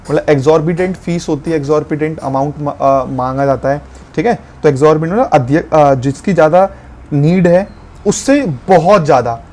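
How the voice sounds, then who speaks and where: A man explaining English vocabulary in a lesson, slowing down to spell out and stress key words. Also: fairly high pitch, darkish tone, slight background noise.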